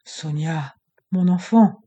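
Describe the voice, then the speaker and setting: A man's voice: fairly high pitch, moderate pace, dark tone, slightly rough. A man voicing a frightened, weak father who stammers and pleads in an audiobook. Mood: uneasy.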